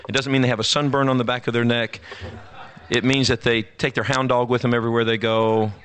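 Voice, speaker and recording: A man's voice: mid-range voice, a little fast. Emphatic Texan preacher man. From East Texas, US South. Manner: animated, emphatic preaching with folksy asides. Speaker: pastor. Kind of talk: sermon.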